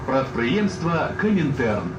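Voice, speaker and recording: A man reading formal passenger notices, played over a bus PA loudspeaker. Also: medium pitch, big pitch swings, highs cut off, music in the background. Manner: formal, deliberate announcing. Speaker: bus service announcer. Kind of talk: prerecorded transit announcement. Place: inside a moving city bus. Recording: echoey, distant, noisy bus interior.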